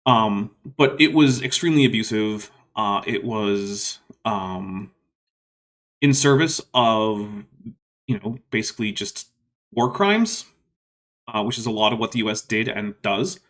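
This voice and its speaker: Taking viewer questions on a relaxed livestream, this YouTube host wanders through his thoughts, often restarting and leaning on fillers. He speaks in a fairly low, slightly bright voice that is animated yet unhurried, one listeners find soothing.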